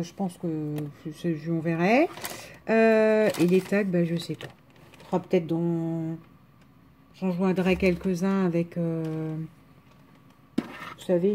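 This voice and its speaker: Presenting a craft haul, a French woman vlogger with a rural accent talks casually to viewers, wandering off topic with hesitations and restarts. She has a warm voice on the low side. A little hiss or hum sits in the recording.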